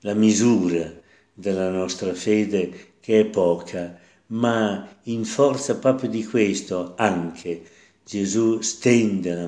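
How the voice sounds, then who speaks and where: A man delivers a sermon as a priest, reading scripture and then reflecting on it. He speaks at a very slow, deliberate pace and circles back over his own phrases. The recording carries the echo of a church room. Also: low-pitched, darkish tone.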